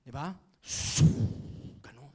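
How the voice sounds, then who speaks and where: A man leading a seminar for an audience, telling a comic story in a playful, animated way and drawing the crowd in. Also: slow pace. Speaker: motivational trainer. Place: training event before an audience.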